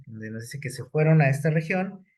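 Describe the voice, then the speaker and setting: A man preaching a sermon, unhurried, often pausing on fillers and checking with his listeners. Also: mid-range voice, lively intonation, a little mellow.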